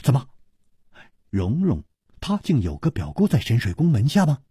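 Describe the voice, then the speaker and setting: A man voicing a calm, suave young swordsman who speaks low and with amusement. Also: normal speed, husky, no room sound, clean studio sound, heavily acted. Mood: amused.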